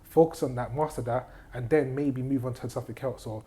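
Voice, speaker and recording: A man talks quickly and confidently in a casual podcast chat, sharing advice on investing. His voice is dark and mellow, and he often repeats his points and asks whether you follow him. A faint noise sits under the recording. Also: medium pitch. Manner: confident, advisory, repeats key phrases; checks in with "do you get what I mean". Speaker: guest, property investor and trainer.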